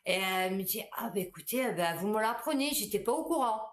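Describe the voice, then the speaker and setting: A woman, a supermarket cashier, telling anecdotes in a casual, animated monologue. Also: mid-range voice, fairly quick.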